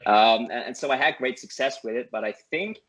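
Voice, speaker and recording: A German man, a non-native English speaker with a German accent, earnestly shares tips as a guest and course student in a casual interview over a call, repeating words and often adding "right?" His mid-range voice is brisk and a bit bright.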